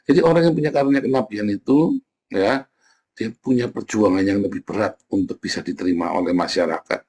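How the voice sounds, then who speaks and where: A man, a pastor, giving a casual, lively sermon, often mimicking other people's voices. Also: on the low side, moderate pace, slight background noise. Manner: lively, folksy, mimics voices, frequent "ya, Saudara".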